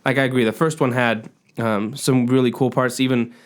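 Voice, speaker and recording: A man's voice: mid-range voice, steady tone, fairly quick, smooth. A man co-hosting a podcast in casual chat, rambling with many fillers. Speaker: podcast co-host.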